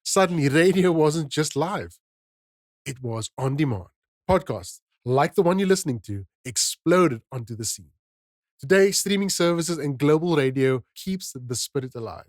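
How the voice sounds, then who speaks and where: A podcast host speaks directly to his listeners, mixing narration with informal address, in a fairly high-pitched, animated voice at normal speed. The studio-quality recording has no echo and a music bed running underneath.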